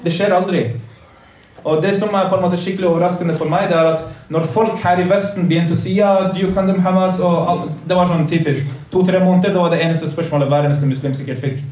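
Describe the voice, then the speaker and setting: In an echoey, carpeted mosque hall, a man with a high, steady, somewhat mellow voice delivers an earnest, preachy lesson to boys, going over his points again to drive them home. He's far from the phone that livestreams the session from across the room.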